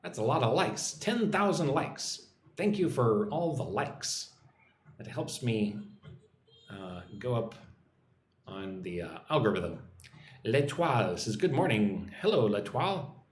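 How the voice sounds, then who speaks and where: Hosting a casual English-teaching stream, an American man reads out and responds to comments and greets viewers in an informal, chatty style. His mid-range voice is expressive and he takes things slowly. There's a roomy echo along with faint background noise.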